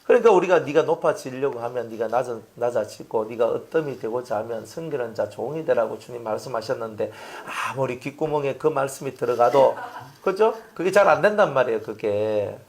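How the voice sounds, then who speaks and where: A pastor preaching a sermon, chatty and animated, asking his congregation rhetorical questions. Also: mid-range voice, brisk.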